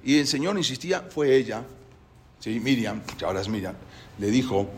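A man's voice: mid-range voice, animated, moderate pace. Man telling a story, often correcting himself. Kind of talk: spoken storytelling.

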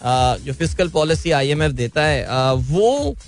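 A man's voice: on the high side, sing-song, a little slow, soft background music. A man with a Pakistani Urdu accent hosting a live morning show in a breezy, chatty, informal way.

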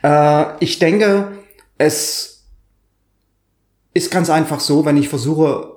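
Male podcast co-host, sonorous velvety voice, slightly high pitch, thoughtful explaining, roomy echo. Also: slow, a little mellow. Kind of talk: conversational podcast discussion. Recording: roomy, echoing sound.

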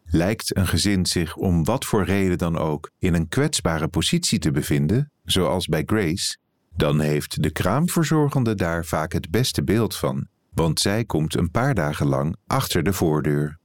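A man, an editor, reading a written reportage aloud in calm, even scripted narration. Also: low-pitched, measured pace, no echo, studio quality.

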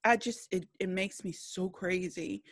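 A woman's voice: on the low side, a little slow, slightly rough, no room sound. Woman from new orleans telling stories in a chat, dry close mic. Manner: animated storyteller, acts out quotes with laughs. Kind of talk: casual conversation.

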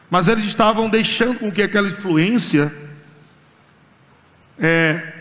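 A man with a Brazilian accent, preaching a sermon as pastor, talking with fervor and dramatic pauses. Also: high voice, a bit bright. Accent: Brazilian Portuguese. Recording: long hall reverb.

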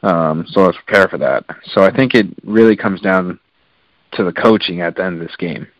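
A man's voice: low-pitched, moderate pace, no room sound, rough recording. A man co-hosting a casual sports podcast, talking in detail and with enthusiasm, with lots of fillers. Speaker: podcast co-host.

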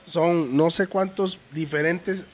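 A man's voice: fairly high pitch, fairly even intonation, slow. A man with a Costa Rican accent, hosting a casual podcast and talking emphatically, repeating himself. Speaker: podcast host.

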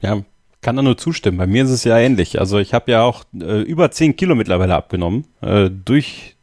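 A man's voice: fairly low pitch, lively intonation, brisk, darkish tone, dry recording, studio quality. A man co-hosting a podcast, speaking with enthusiasm and gratitude in casual chat, with plenty of hesitations. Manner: enthusiastic, grateful, many fillers. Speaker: podcast co-host.

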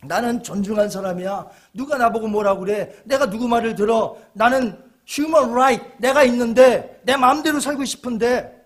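A man's voice: very high-pitched, moderate pace. A man voicing a deceived, self-willed person who defiantly insists on living as he pleases.

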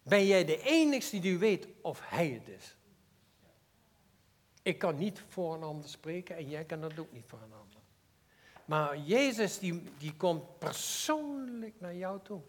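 Limburg dutch preacher guy, high voice, earnest, gets loud then goes quiet. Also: expressive, unhurried. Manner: earnest, personal, swings between loud emphasis and quiet asides. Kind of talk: sermon.

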